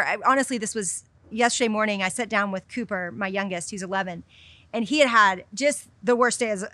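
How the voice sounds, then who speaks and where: Bright-voiced woman giving candid devotional talk. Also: medium pitch, dry recording. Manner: candid, conversational, with light laughs. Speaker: podcast host and Bible teacher.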